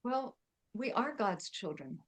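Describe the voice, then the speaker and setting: A woman's voice: a little high, expressive, slow pace. A middle-aged woman chatting as a podcast guest, with lots of fillers and frequent laughs. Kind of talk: casual interview chat.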